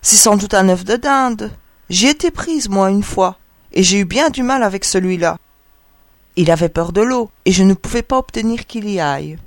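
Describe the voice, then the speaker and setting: A woman's voice: medium pitch, animated, normal speed, no echo, studio quality, natural voice. A woman voicing an old female duck who bossily hands out advice, in a storybook reading. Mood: bossy. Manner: knowing, bossy. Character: old female duck, bossy know-it-all visitor.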